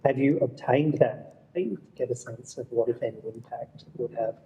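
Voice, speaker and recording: A man's voice: mid-range voice, normal speed, warm tone, lo-fi sound, a little hiss or hum. An Australian man, a senator, pressing witnesses with insistent repeated questions over a remote audio link that keeps breaking up. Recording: distant, patchy remote call audio.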